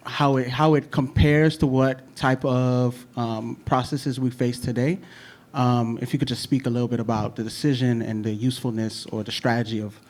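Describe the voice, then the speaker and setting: A man in the audience thanks the speaker and asks a question. He speaks politely, hesitating often with "um". His pitch is average. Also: a little mellow. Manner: polite, hesitant, many "um" fillers. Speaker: audience member asking a question.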